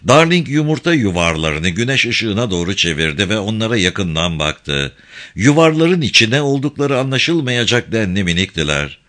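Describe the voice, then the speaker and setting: A man narrating an adventure audiobook in an expressive storytelling manner. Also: lowish voice, normal speed. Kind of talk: scripted narration.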